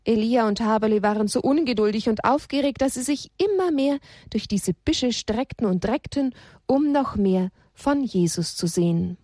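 A woman's voice: a little high, expressive, normal speed, dark tone, no room sound, studio quality. Woman reading a children's story.

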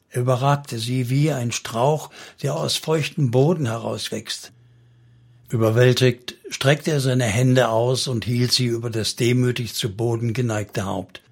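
A man narrating a solemn story in steady, scripted audiobook style. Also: medium pitch, vocal fry, slightly rough.

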